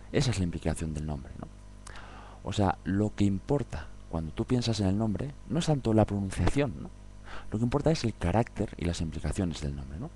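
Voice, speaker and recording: A man's voice: lowish voice, dark tone, slight background noise. A man giving an informal Bible study talk, conversational, often checking in with his listeners through tag questions. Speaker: Bible teacher.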